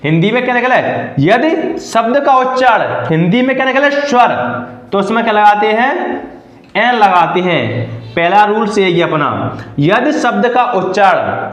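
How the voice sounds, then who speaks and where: High-voiced male teacher in an echoey room. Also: animated, normal speed, a bit bright. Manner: repeats questions and answers them himself. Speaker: English teacher. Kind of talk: classroom lesson.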